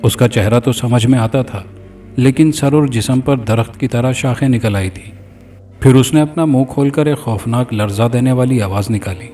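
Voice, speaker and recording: A male storyteller reading a horror story in a steady, dramatic way. His voice is mellow and dark, and he sounds set back from the mic. Faint music plays under him. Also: mid-range voice, far from the mic. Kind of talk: scripted horror narration.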